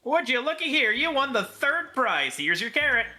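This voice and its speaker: A woman voicing a booming, excitable prize announcer at a New Year's raffle in a video game. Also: normal speed, soft background music, heavily acted. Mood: excited hawking.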